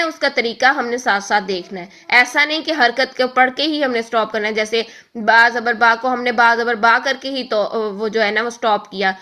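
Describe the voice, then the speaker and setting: Bright, patient female teacher. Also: on the high side. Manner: patient, explanatory, checks in with repeated questions; draws out example syllables slowly and loudly. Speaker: Quran reading teacher. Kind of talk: recorded tajweed lesson.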